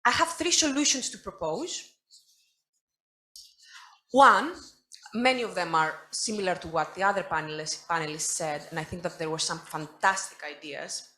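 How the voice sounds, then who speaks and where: A young woman giving a prepared speech as a conference panelist over a video call, brisk with wry asides. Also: fairly low pitch, expressive, bright, forceful tone, poor audio. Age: young adult.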